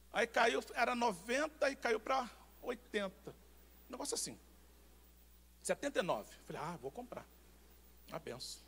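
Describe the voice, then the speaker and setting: A Brazilian man preaching a sermon as pastor, telling personal anecdotes in an animated, emphatic way with repeated words. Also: very high voice, vocal fry, husky. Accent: Brazilian Portuguese.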